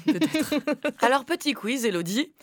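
A woman's voice: fairly high pitch, lively intonation, normal speed, dry recording, clean studio sound. Playful, giggly woman co-host. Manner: playful, giggly, teasing quiz delivery. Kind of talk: casual radio chat.

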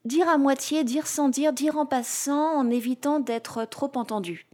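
A woman's voice: sits high, unhurried, mellow, faint music behind. A woman from France hosting a podcast, reading a scripted, playful commentary in punchy rhythmic lists. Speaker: podcast host. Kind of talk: scripted comic narration.

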